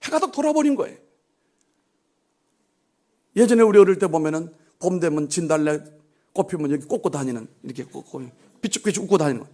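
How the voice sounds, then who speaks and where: A middle-aged male pastor preaching in a church, telling a story and then exhorting. He drops to hushed near-whispers and rises to loud, emphatic lines. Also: fairly high pitch, expressive, fairly quick, long pauses. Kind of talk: sermon with storytelling. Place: church sanctuary.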